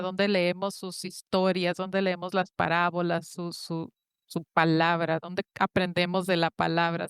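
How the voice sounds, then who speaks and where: A woman guest on a faith interview show, speaking earnestly about ministry and retelling Bible stories with lively quoted voices. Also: on the low side, clear, resonant tone, no room sound, studio quality. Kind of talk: conversational interview, faith-based.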